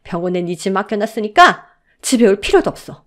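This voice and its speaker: A woman voicing a harsh, spiteful older mother-in-law who scolds in a shrill voice. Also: sing-song, a little fast, mellow. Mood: screaming.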